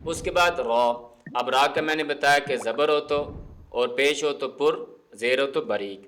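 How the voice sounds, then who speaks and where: A man teaching Quran pronunciation, explaining the rules patiently and words slowly to show how to say them. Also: medium pitch, fairly bright tone. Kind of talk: explanatory lesson with slow recitation.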